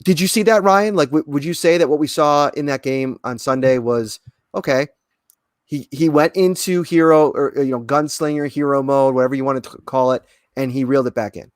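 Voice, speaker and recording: A man's voice: medium pitch, a little fast, no room sound. Man, sports podcast co-host, casual chat, lots of fillers and restarts, dry sound. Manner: chatty, many fillers and restarts. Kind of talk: casual sports talk show.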